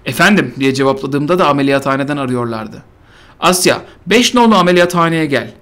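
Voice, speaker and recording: A man's voice: a little high, lively intonation, brisk, fairly bright tone. A man reading a story aloud and mocking it, sarcastic and mock-solemn, repeating lines for comedy. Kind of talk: mocking dramatic reading with game chatter.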